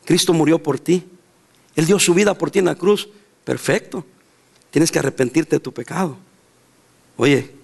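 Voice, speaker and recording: Salvadoran pastor, man, very high voice, emphatic church sermon with bursts of laughter. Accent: Salvadoran Spanish. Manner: emphatic preaching, mixes laughter and sudden loud outbursts.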